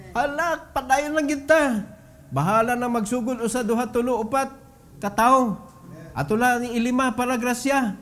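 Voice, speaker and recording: A man's voice: extremely high pitch, a bit bright. A man with a Filipino accent preaching a sermon as pastor, mixing Cebuano and English, reading scripture emphatically and putting questions to the congregation.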